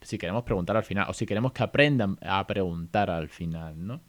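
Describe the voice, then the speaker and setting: Podcast host, male, accent from Spain, lowish pitch, chatty and animated teaching style. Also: fairly quick. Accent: Spain Spanish. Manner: chatty, animated, many tag questions. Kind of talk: casual podcast lesson.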